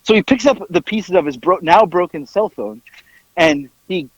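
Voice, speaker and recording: A man telling a story on a podcast, acting out the people in it with sudden high yelps. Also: lively intonation, moderate pace, dry recording. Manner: acts out quoted voices with big jumps up into yelps. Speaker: podcast host telling stories. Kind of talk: animated storytelling. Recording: dull lo-fi dry sound.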